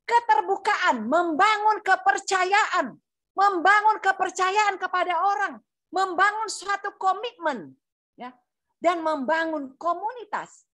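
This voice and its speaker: A woman's voice: very high-pitched, fairly bright tone, no room sound. A middle-aged woman giving a testimony sermon, acting out both sides of conversations and asking the audience questions. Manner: addresses audience directly, asks rhetorical questions. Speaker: speaker at a church leadership event.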